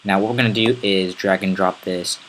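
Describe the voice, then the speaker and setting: A man with a raspy voice giving a casual, rambling step-by-step software tutorial. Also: low voice, fairly even intonation, brisk, a little hiss or hum, rough recording. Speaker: tutorial host. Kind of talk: screen-recorded software tutorial.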